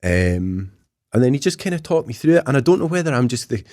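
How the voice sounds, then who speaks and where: A man's voice: medium pitch, very animated, quick pace, dark tone, dry recording, clean studio sound. A Scottish man in his thirties, a podcast guest talking casually and self-deprecatingly with lots of fillers. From Scotland.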